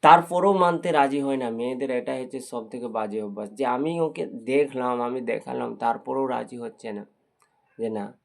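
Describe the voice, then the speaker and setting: A young man with a gravelly, creaky voice recounts a personal story straight to his viewers. He talks in a heartfelt, repetitive way, circling back over the same points. His pitch sits in an ordinary middle range. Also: moderate pace. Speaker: vlogger.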